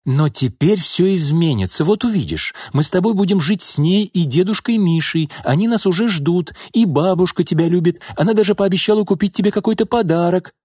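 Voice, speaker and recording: A man's voice: sits high, lively intonation, fairly quick, hardly any pauses, dark tone, breathy edge, no room sound, studio quality, pitched above the performer's own voice. A man doing a shrieking drunk mother. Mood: coaxing. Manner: shrieking, insulting, bullying. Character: drunk furious mother, shrill and abusive.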